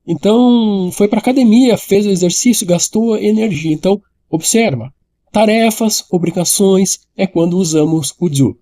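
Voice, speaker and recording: A man's voice: sits high, normal speed, warm tone. A man, explaining an English grammar lesson directly to the viewer and repeating key points. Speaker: English teacher.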